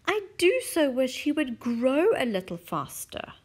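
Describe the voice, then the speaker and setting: A woman voicing a sweet, kindly lady who dotes on her pet tortoise, speaking in a high, fluttery, pleading way. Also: sing-song, measured pace, exaggerated voice. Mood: doting, pleading.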